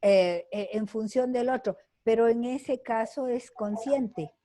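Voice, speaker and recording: Slow-speaking older woman lecturing. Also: on the high side, warm tone. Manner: slow, deliberate, with many fillers and tag questions. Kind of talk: videoconference lecture answering questions. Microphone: video call.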